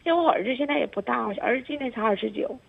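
A woman's voice: high-pitched, lively intonation, rapid-fire, gravelly, breathy edge. A woman, calling into a radio show, hesitant and stammering. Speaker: caller. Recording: tinny phone line.

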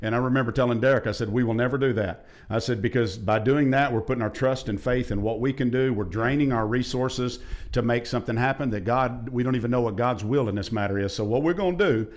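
A man preaching in a talk show, fiery and emphatic. His voice sits in an ordinary middle range but leaps up loud when he drives a point home. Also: mid-range voice, fast talker. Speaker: pastor. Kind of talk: preaching in a podcast discussion.

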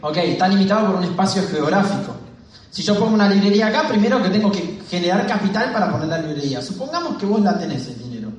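An Argentine man gives a motivational talk to a live crowd, his voice pitched high. He rushes through his stories and acts out the people he quotes. The sound is distant and carries a heavy hall echo. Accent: Argentine Spanish. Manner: fast, animated storytelling with shouted quotes. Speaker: motivational speaker. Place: large hall with audience. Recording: echoey hall, voice from far off.

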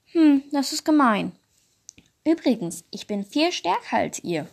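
A woman's voice: sits high, big pitch swings, a little slow, creaky, voice pushed up, full character voice. A woman voicing Shiny, a proud little fire lizard. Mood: calm. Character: small proud shiny fire lizard creature, calm and stubborn.

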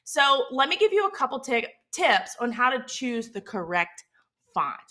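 A woman's voice: high voice, sing-song, normal speed, bright, forceful tone. A woman with a Southern Mississippi accent hosting an instructional podcast, explaining things informally and conversationally, often checking in with the listener. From Mississippi, United States. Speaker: host of a branding and marketing show.

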